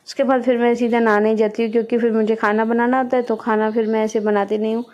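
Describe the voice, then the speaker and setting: A woman talks through her daily routine as a home vlogger, in a chatty, step-by-step way. Her voice sits a little high, with a soft, mellow tone. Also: level tone, quick pace, muffled recording. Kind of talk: casual home vlog narration.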